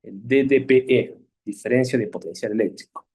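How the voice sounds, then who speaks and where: A man's voice: medium pitch, moderate pace, a little mellow, husky. A man giving a casual classroom lecture on electricity, often checking in with his listeners. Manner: chatty, checks in with frequent "¿sí?" and "¿no?". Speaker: electricity teacher.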